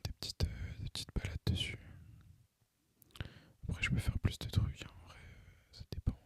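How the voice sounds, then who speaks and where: Whispering intensely without any voice, a young Frenchman who makes ASMR gaming content chats loosely as he plays. His pace is moderate, his manner relaxed, slangy and unsure. There is no room sound.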